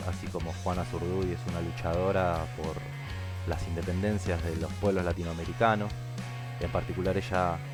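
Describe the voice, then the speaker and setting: A man hosting a podcast, talking casually and earnestly with many fillers. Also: sits low. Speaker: podcast host. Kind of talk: casual spoken commentary.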